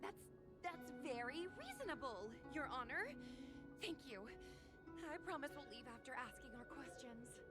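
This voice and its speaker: An actress voicing an excitable young woman who hunts ghosts in a game, eager and wide-eyed. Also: high-pitched, moderate pace. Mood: nervous polite. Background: game music.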